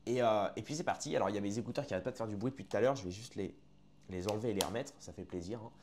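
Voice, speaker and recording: A man's voice: on the low side, very fast, a little mellow. A man giving casual reaction commentary to his online viewers, chatty and often restarting his sentences, calling the audience his friends.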